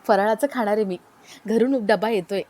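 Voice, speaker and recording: A woman's voice: medium pitch, moderate pace, mellow, lightly acted. A woman voicing a shy young man who gives hesitant, defensive answers. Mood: flustered. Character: bashful young man, fibbing and flustered.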